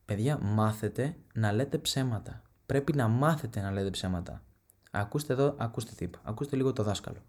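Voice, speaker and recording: Husky young man telling comic stories. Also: fairly low pitch. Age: young adult. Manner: profane, animated, mimics relatives. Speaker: podcast host. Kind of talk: comedic storytelling monologue.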